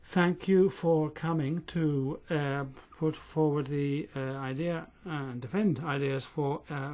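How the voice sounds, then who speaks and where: Interpreting for a parliament committee hearing, this man has a medium-pitched voice. His delivery is calm and measured, but the tempo wavers.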